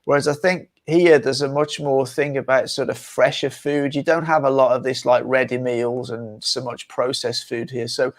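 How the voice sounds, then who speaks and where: A man's voice: mid-range voice, level tone, moderate pace, few pauses. A man speaking as a panelist in a casual discussion, offering conversational, tentative observations.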